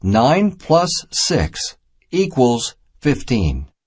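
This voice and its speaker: With a husky, mid-pitched voice that moves up and down lively, a man reads a kids' math storybook aloud. The narration is scripted, simple, and instructional, delivered slowly and deliberately with each short phrase set apart.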